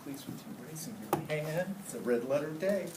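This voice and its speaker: A teacher with a fairly high, animated voice reads a story to his class at a moderate pace, stopping to quiz the children. The recording comes from a distant mic in a noisy, echoey indoor classroom.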